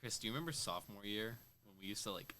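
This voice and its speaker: A young man chatting on a podcast with a lowish voice and a rapid delivery. He is brash, laughs often and sometimes talks loud and fast. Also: expressive, no room sound. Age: young adult. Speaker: podcast co-host. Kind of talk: casual chat.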